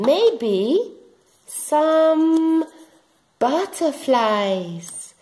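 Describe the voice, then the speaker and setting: A woman in her thirties teaching young children in simple repeated phrases, with an animated, sing-song delivery. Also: a little high. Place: small room indoors.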